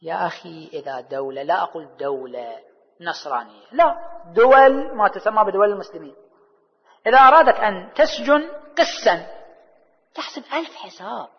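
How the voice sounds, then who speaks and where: A man preaching a religious sermon, asking rhetorical questions and answering them himself, his voice rising and falling between soft and loud. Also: high voice, sing-song, a little fast. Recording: dull hall recording with long reverb.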